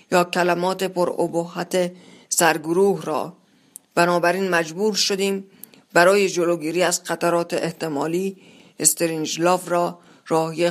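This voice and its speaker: A measured storyteller reading a literary tale aloud in the first person. The delivery is steady and deliberate, paced for listening. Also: medium pitch.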